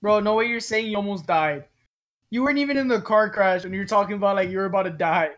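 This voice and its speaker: A man's voice: high voice, fast talker, a bit bright. A young man bantering casually as a podcast co-host, teasing his friends in slangy bro talk.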